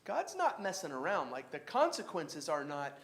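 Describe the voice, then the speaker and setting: A man's voice: fairly high pitch, wildly swooping pitch, a bit bright. Casual man teaching a Bible class. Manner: casual, halting, with many fillers and restarts. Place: church classroom.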